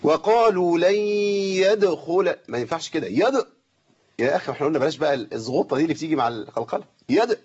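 A man with an Egyptian accent teaching Quran recitation, correcting students and slowly drawing out the recited words. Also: mid-range voice, expressive, darkish tone, breathy edge, highs cut off. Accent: Egyptian Arabic. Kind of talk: tajweed lesson with recited examples.

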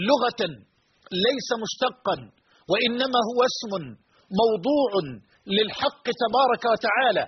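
A man giving a religious lecture as a preacher, speaking emphatically and repeating key phrases. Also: very high voice. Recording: dull lo-fi recording with faint noise.

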